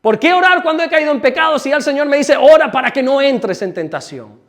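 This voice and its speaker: Man, pastor, high voice, lively sermon, acts out quoted voices, church service. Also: fast. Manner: animated storytelling preacher, acts out quoted speech.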